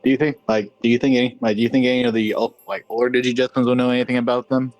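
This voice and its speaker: A man playing a tabletop game in character, talking in a halting, sarcastic way with many restarts. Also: mid-range voice, flat delivery, darkish tone, no echo. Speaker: player.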